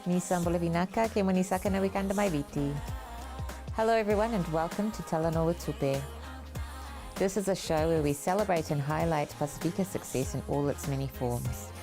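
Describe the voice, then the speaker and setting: A woman's voice: fairly low pitch, fairly quick, over music. A woman hosting an interview show, speaking in a presenter's conversational style. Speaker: talk show host. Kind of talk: interview hosting, prepared introduction.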